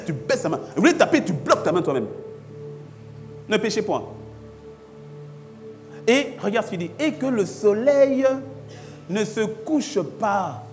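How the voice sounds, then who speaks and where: A high-voiced man preaches in a church, pressing his points with emphatic repeated phrases that swell in intensity. Faint music plays behind him. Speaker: pastor. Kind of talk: sermon.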